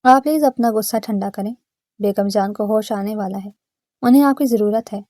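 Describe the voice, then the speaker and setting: A woman's voice: mid-range voice, warm tone, no echo, clean studio sound, natural voice. A woman voicing a frightened, tender-hearted young woman who speaks anxiously. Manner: anxious, tearful.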